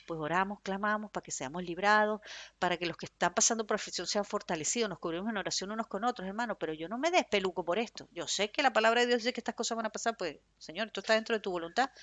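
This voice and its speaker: Predicadora venezolana fervorosa, voz seca. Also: female voice, mid-range voice, dry recording. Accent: Venezuelan Spanish. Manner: fervent, emphatic preaching, says she speaks loudly. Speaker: preacher. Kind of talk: sermon.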